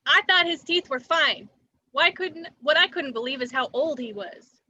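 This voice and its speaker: A naive, guileless small-town woman with a high, bright voice, read by a woman in a sitcom read-through. The recording is dry and a little dull. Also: animated, moderate pace, exaggerated voice. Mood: earnest. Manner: earnest, guileless. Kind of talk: amateur sitcom table read.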